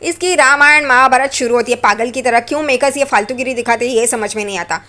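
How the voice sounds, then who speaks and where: A woman's voice: on the high side, steady tone, quick pace, fairly bright tone. A woman casually retelling a story, chatty and adding opinionated asides. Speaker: serial recap narrator.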